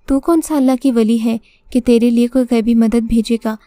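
A woman's voice: fairly high pitch, fairly even intonation, dark tone, no echo, close to an everyday voice. A woman doing a drunken, bullying brute of a man. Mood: menacing. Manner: coaxing, then bullying. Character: crude, drunken male debt collector, menacing.

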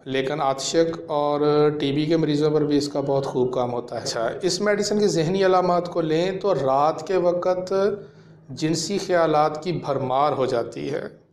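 A man in his thirties, a homeopathic practitioner, explaining a medicine to camera in a measured way with frequent fillers, in a small room. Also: a little high, a little mellow. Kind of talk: educational talk to camera. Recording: echoey room.

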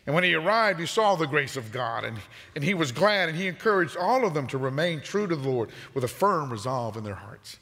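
Bright-voiced older pastor in a large sanctuary. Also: male voice, fairly high pitch, brisk. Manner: animated preacher, gesturing while pacing the stage. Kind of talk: sermon. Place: large church auditorium. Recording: long reverb of a large sanctuary.

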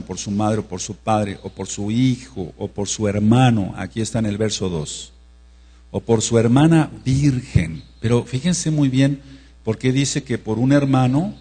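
A man from Mexico giving a teaching sermon as pastor, who checks in with the congregation and slowly spells out words. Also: medium pitch, dark tone, slightly rough. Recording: reverberant hall with mains hum.

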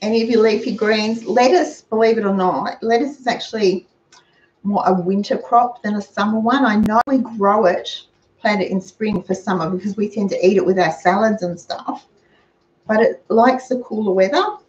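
In her home kitchen, the older Australian host of a frugal cooking channel talks casually through a cooking demo, passing along practical money-saving advice. She speaks at a normal speed, with a medium pitch and a somewhat dark tone. The sound, captured by a fixed camera across the counter, is roomy, dull and lo-fi.

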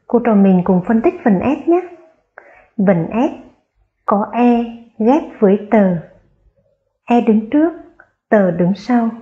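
A woman teaches young children, speaking very slowly and clearly as she spells out each sound. Her voice lifts on the words she wants them to repeat. The recording sounds a little dull and muffled. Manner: slow and drawn out, spelling sounds aloud and rising high on key words. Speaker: primary school teacher. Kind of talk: slow, careful online phonics lesson for young children.

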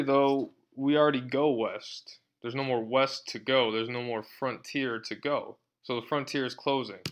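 This university lecturer speaks in a mid-range voice with a fairly bright tone. He's casual and sarcastic, repeatedly tossing in "right?" to check in with listeners.

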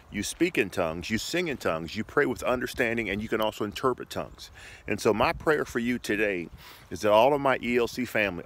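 A man's voice: lowish voice, fairly bright tone. A middle-aged man preaching in an informal, conversational devotional style, encouraging his listeners and often repeating his phrases, recorded on a phone held at arm's length outdoors. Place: outdoors by a shoreline path. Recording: clear outdoor ambient noise.

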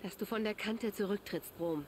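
An actress voicing a calm, direct young huntress heroine in a game. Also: female voice, mid-range voice, normal speed, a little hiss or hum, natural voice.

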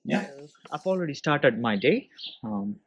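A man chatting casually to his phone camera for a vlog, relaxed and full of ums, with a small laugh now and then. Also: on the high side, unhurried. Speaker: vlogger. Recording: noisy street phone recording.

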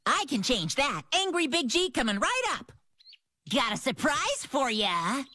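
A woman's voice: high-pitched, sing-song, unhurried, pushed and bright, no echo, studio quality, full character voice. Smug spoiled cartoon boy. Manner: smug, showy. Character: spoiled rich schoolboy, smug. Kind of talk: cartoon dub acting.

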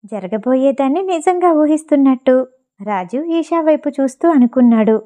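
A woman's voice: sits high, lively intonation, moderate pace, mellow. A young woman narrating a romance story expressively, acting out the heroine's angry lines herself.

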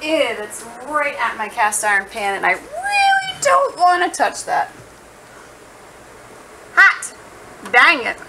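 A high-pitched, pushed, bright voice with huge pitch swings belongs to a woman who takes it slowly, leaving long pauses. She's casually and playfully chatting to her vlog audience as she cooks indoors, amid the noise of sizzling food.

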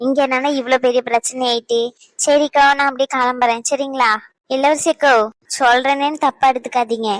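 A woman's voice: on the high side, no room sound, natural voice. A woman voicing chatty middle-aged village women in a cartoon, who give homely advice and consolation. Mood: advising. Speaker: voice actor. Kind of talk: cartoon voice acting.

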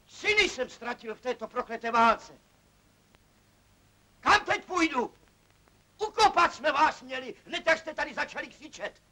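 A bitter older German villager in an old 1950s film. His voice is very high and very bright, and he speaks with accusing indignation. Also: full character voice, poor audio.

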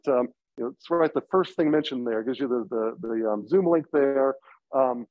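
A male lecturer talks through a face mask while getting over a cold. His fairly high voice comes across slightly dull and dry, and he explains things informally in a stop-and-start way. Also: a little mellow, no echo. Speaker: university lecturer. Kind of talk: informal lecture introducing a course. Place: lecture classroom. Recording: slightly dull, muffled classroom recording.

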